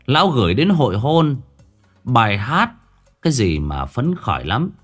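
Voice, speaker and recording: A man's voice: medium pitch, sing-song, normal speed, a bit bright, soft background music. A man narrating a ghost story in a colloquial, vivid way, with crude asides.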